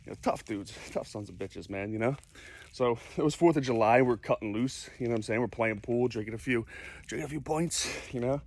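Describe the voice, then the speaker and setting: A man's voice: mid-range voice, fairly quick, darkish tone. Profane laid-back man from Philly. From Philadelphia, USA. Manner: profane, laid-back, lots of "you know". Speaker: storyteller. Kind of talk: casual spoken anecdote.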